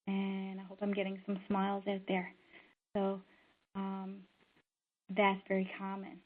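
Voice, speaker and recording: A middle-aged woman from Newfoundland and Labrador, a social worker giving an instructional talk in an earnest, conversational way, often pausing on "um". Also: medium pitch, monotone. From Newfoundland and Labrador, Canada. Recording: narrow, tinny phone-like sound.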